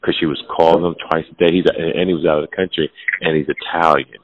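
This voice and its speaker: A man in his forties, a podcast guest talking casually and bluntly, swearing freely and dropping to a hushed murmur on painful subjects. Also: steady tone, fast. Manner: blunt, profane, emphatic, calls listener "fam"; drops to a hushed, low murmur when telling something painful. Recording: phone-like narrow sound.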